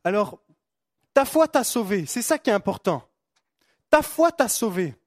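A man's voice: high voice, big pitch swings, measured pace, dry recording. A young man preaching a sermon, fervent, repeating phrases for emphasis and stumbling on words. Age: young adult.

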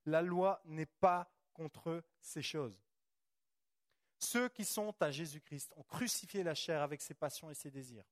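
High-voiced fervent preacher man. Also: unhurried, dry recording, studio quality. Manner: fervent, repetitive, asks the congregation rhetorical questions. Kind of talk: charismatic church sermon.

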